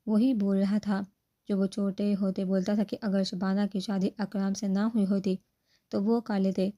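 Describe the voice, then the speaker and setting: A woman with a Pakistani accent reading a romance novel aloud as narrator, at a steady storytelling pace. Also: mid-range voice.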